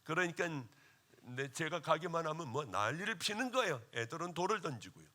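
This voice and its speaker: A male pastor preaching at a revival meeting, his fairly high, bright voice leaping up and down in pitch. He tells a personal testimony, one moment exclaiming loudly and the next dropping to a hush. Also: very animated, a little fast. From Korea. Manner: emotional storytelling testimony, swinging between loud exclaiming and hushed tones.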